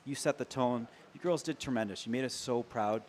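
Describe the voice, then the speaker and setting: Energetic man co-hosting sports talk. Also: mid-range voice, fairly quick. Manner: energetic, gushing, talks in loose run-on phrases. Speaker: co-host. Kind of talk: local sports talk show. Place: local TV studio.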